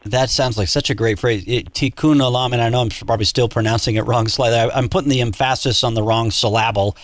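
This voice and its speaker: A man hosting a radio talk show, interviewing a caller in a halting way with many fillers and restarts. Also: mid-range voice, steady tone, no room sound. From Montana.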